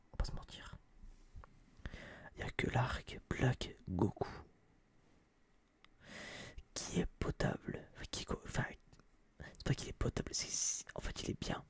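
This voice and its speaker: Close to a binaural microphone, an ASMR video creator whispers a casual, rambling film review in slangy, hesitant phrases, often repeating words. The voice is mid-range, a bit bright, and husky.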